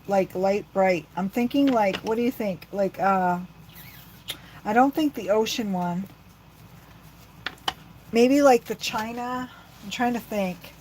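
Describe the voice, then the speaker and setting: A woman's voice: medium pitch, darkish tone, slight background noise, low-quality recording. A middle-aged woman rambling chattily to her viewers while she works on a crafting livestream. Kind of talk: casual crafting livestream chat.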